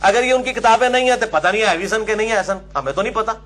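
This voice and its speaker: Emphatic high-voiced man lecturing. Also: fast, fairly bright tone. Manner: emphatic, argumentative, addresses helpers to show pages. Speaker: religious lecturer. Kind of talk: religious lecture with book references.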